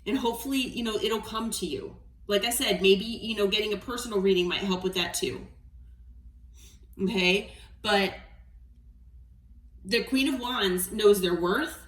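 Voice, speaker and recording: A woman giving a tarot reading to her viewers, speaking in a gentle, reassuring way and checking in often. Her voice sits in a middle register. It sounds roomy, with the mic set some distance away. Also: mid-range voice, measured pace, long pauses. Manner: gentle, encouraging, frequent "okay?" check-ins. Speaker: tarot reader.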